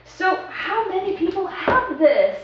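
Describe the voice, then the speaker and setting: A young woman asks exaggerated, wide-eyed questions at a slow, drawn-out pace. Her high voice swoops up and down. She sounds distant and muffled in a very echoey room. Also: sing-song, background noise. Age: young adult. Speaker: student interviewer. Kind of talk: casual student video skit. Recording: echoey room, far from a dull mic.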